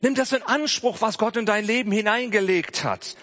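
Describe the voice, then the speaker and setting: A man preaching a Pentecost sermon, emphatic and direct, often calling out "hey" and dropping into soft, low passages. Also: moderate pace. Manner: frequent interjected "hey". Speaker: pastor. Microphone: streamed church service.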